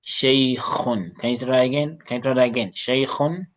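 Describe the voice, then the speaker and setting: A man's voice: medium pitch, fairly even intonation, very fast, a little mellow. Casting: male Arabic teacher, patient and repetitive, coaches pronunciation in an online lesson. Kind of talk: online class instruction.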